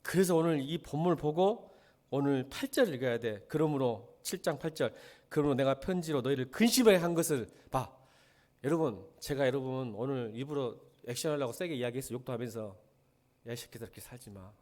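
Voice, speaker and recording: A middle-aged male pastor preaching a blunt sermon, firing rhetorical questions at his congregation and swinging from quiet talk to shouting. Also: medium pitch, lively intonation, brisk.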